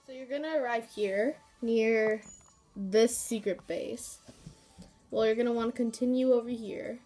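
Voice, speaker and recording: Soft music plays behind this woman as she narrates a game walkthrough for her YouTube channel, sniffling from a cold. Her voice is a bit high, mellow and unhurried, and she rambles chattily with plenty of fillers and side comments.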